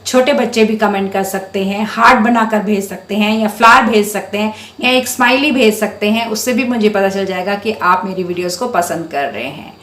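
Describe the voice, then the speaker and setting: A woman teaching young children to read, sounding out syllables slowly and clearly in a patient, encouraging way. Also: medium pitch, fairly bright tone, reverberant. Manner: drawn-out syllables for sounding out words. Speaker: primary school Hindi teacher.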